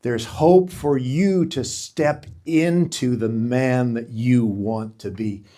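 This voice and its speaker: Middle-aged guy giving an earnest pep talk to men, emphatic preachy rhythm, mid-pitched voice. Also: slow, warm tone. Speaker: speaker at a men's gathering. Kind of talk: inspirational talk.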